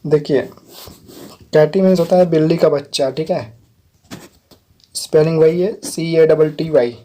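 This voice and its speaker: A man's voice: a little high, a little slow, mellow. Patient man spelling out English words. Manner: repeats "theek hai" often. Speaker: teacher. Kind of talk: vocabulary lesson.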